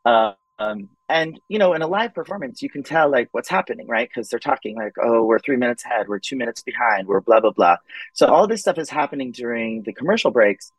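Man guest on podcast, lively storyteller, acts out quotes, mid pitch, dry studio sound. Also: a little fast, no echo, poor audio. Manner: animated, acts out quoted voices, frequent "like" and "um". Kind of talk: casual storytelling.

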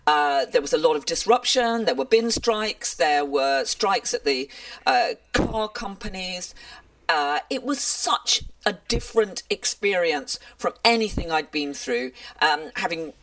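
A woman in her sixties from rural Norfolk, a broadcast journalist, recalling her career in a lively, self-deprecating interview. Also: on the low side, unhurried. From England, rural Norfolk. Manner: animated storyteller, self-deprecating. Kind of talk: reflective interview answers. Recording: dry but slightly distant mic.

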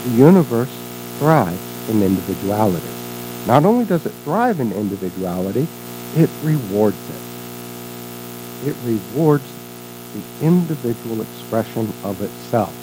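A minister giving a sermon with expressive storytelling and reflective teaching. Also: mid-range voice, a little slow, background noise.

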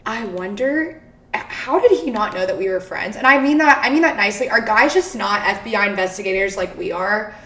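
A woman with a raspy, hoarse voice, chatting candidly and animatedly as a podcast guest. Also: medium pitch, lively intonation, fairly quick, sharp tone, roomy sound, far from the mic. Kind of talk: casual chat.

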